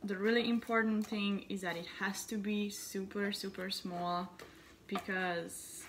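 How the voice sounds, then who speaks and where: A woman's voice: medium pitch, steady tone, unhurried. Young Hungarian-accented woman, cooking vlogger, chatty and enthusiastic, faint noise in a home kitchen. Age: young adult. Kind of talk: casual cooking tutorial.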